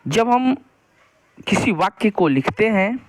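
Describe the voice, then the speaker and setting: A male teacher gives a grammar lesson at an unhurried pace, with a slightly high voice. He explains each point step by step, then asks a question and answers it himself. He reads the example sentences slowly and deliberately. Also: big pitch swings.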